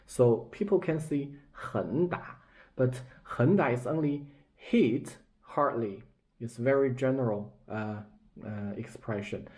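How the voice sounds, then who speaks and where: Chinese-accented male teacher, unhurried, patient, repeats each example word. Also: mid-range voice, darkish tone. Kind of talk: slow explanatory lesson.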